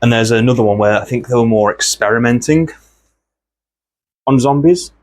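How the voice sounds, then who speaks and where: A man, host of an art channel, chatting casually and meandering from thought to thought while he works, often clearing his throat. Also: mid-range voice, moderate pace.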